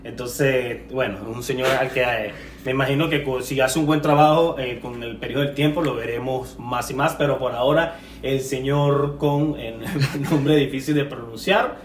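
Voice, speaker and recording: A man's voice: mid-range voice, fairly even intonation, moderate pace, hardly any pauses, recorded from a distance. A man co-hosting a casual film podcast, rambling and correcting himself as he goes, laughing often. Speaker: podcast co-host. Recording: echoey room, off-mic, faint noise.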